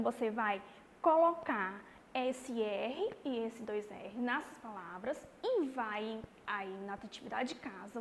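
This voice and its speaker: A woman with a high voice gives a recorded lesson to young pupils. She explains patiently and slowly, often pausing to check that they follow. Her voice rings with long reverb over a faint hiss. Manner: patient, slow and explanatory, with frequent "tá bom?" check-ins. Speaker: primary school teacher. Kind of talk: recorded remote class lesson.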